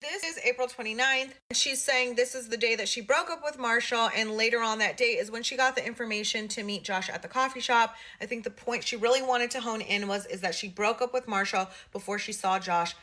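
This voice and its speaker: A woman with a fairly high, very bright and forceful voice presents a commentary video. She is blunt and matter-of-fact, walking through messages and reading them out. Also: fairly quick, hardly any pauses. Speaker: social media gossip commentator.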